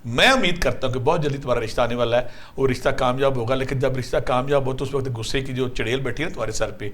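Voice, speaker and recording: A man giving spiritual and numerology advice to callers in a lively, storytelling way. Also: mid-range voice. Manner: storytelling, calls callers 'daughter' and 'son', lists recitations. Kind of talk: animated call-in advice.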